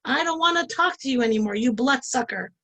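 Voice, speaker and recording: A woman's voice: high-pitched, lively intonation, fairly quick, full character voice. A woman voicing an indignant, scolding man who feels cheated, in a read-aloud story. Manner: loud, indignant outbursts.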